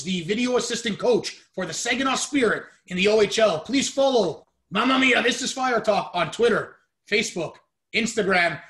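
A man's voice: sits high, sharp tone. A man hosting a podcast, chatting casually about sports. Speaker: podcast host.

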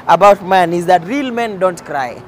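A man's voice: high-pitched, lively intonation, slow pace, a little hiss or hum. A Kenyan-accented man giving an informal, emphatic motivational talk, mixing English with Swahili slang and repeating phrases for effect. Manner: code-switches between English and Swahili slang. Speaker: host addressing men on faith and life.

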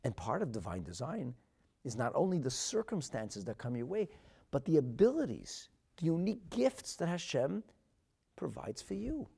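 In a sermon marked by big pitch swings, a rabbi and Torah teacher with a North American accent speaks in a fairly high, creaky voice with a breathy edge. Emphatic and dramatic, he shifts from hushed asides to loud pronouncements, choosing his phrasing deliberately and repeating lines for effect.

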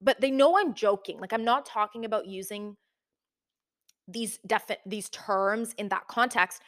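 A woman's voice: medium pitch, measured pace, fairly bright tone. Young woman talking in an echoey big room. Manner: informal, conversational, frequent "like" and "again". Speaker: video host. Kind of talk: casual video essay commentary. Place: big indoor room with little furniture.

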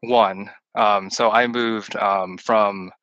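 Extremely slow and fairly low-pitched, this Texan podcast guest speaks with fairly even intonation and a fairly bright tone, with no room sound and the highs cut off. A returned missionary who grew up speaking Chinese, he chats casually and at rambling length over a call-in line.

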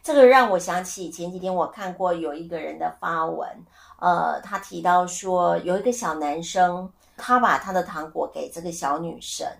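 A middle-aged woman hosting a casual solo podcast, telling stories with lively acted-out voices and asking her listeners questions. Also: fairly low pitch, moderate pace, vocal fry. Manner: animated storyteller who asks listeners questions. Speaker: podcast host.

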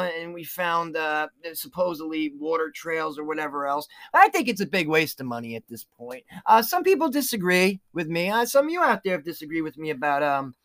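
A man's voice: high voice, lively intonation, normal speed, few pauses, fairly bright tone. A man hosting a solo podcast, talking loosely with lots of fillers and restarts and a sarcastic edge. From New York. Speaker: podcast host.

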